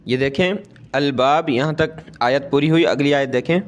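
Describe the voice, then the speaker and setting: A male Quran teacher who recites verses slowly and drawn out, then explains the letters and vowel marks in quick asides. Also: medium pitch. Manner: slow drawn-out recitation with brisk explanations between.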